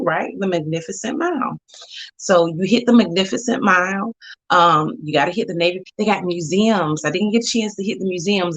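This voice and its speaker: A chatty woman hosts a casual live-stream, talking straight to her viewers. Her pitch swings widely, jumping high with excitement. She keeps an animated, conversational tone throughout. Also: husky, no room sound, rough recording. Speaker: host of a faith talk show.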